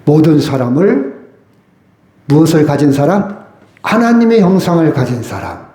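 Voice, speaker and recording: Emphatic preacher in an echoey church. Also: male voice, a little high, very animated, a little slow, dark tone. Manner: emphatic, asks the congregation questions. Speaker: pastor. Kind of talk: sermon. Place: church sanctuary.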